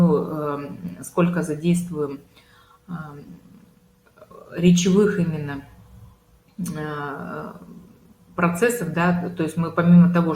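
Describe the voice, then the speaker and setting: A woman speech therapist with a low, steady voice explains home exercises patiently, stacking up example words and pausing on filler sounds. She is recorded in a roomy, echoey space with a faint hiss underneath. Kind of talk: consultation talk on home exercises.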